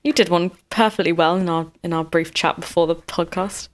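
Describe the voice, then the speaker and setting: A woman's voice: lowish voice, steady tone, brisk. A woman co-hosting a podcast, asking questions and teasing her co-host. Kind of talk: casual chat.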